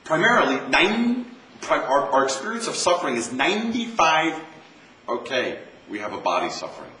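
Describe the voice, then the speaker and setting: A man's voice: fairly high pitch, sing-song, moderate pace, bright, forceful tone. An American man, a Zen monk, giving an informal meditation talk in a conversational way, often repeating phrases for emphasis. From United States. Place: campus lecture room. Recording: roomy, distant mic, faint hiss.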